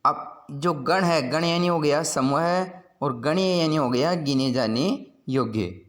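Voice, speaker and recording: A man's voice: fairly high pitch, takes it slowly. A man teaching a school lesson, patiently explaining word meanings and repeating each point.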